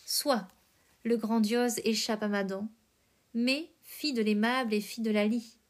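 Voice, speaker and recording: A woman hosting a podcast, reading poetry aloud with careful, measured phrasing. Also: fairly high pitch, fairly even intonation. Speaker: podcast host.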